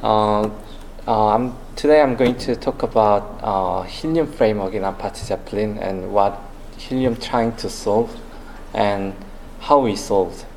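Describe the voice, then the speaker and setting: A man's voice: on the low side, darkish tone, slight background noise, low-quality recording. A man opening a conference talk, hesitant, with many fillers. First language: Korean. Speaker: conference speaker. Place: conference room.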